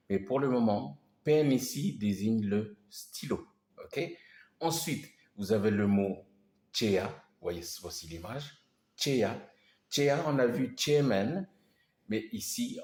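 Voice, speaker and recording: Slow, deep-voiced man teaching words. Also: darkish tone. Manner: patient, repeats each word several times. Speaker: language teacher. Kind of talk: vocabulary lesson video. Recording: roomy echo.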